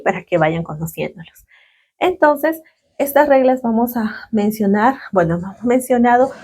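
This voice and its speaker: A woman's voice: mid-range voice, darkish tone, slight background noise. Latin american woman teaching english grammar, patient, keeps checking in with the class, bouncy on key words. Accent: Latin American Spanish. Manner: patient, checks in often with short questions. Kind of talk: classroom explanation.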